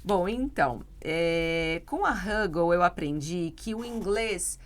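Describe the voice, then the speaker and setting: A woman's voice: on the low side, expressive, slow pace. A Brazilian woman English teacher co-hosting a podcast, chatting casually and explaining with examples and frequent tag questions.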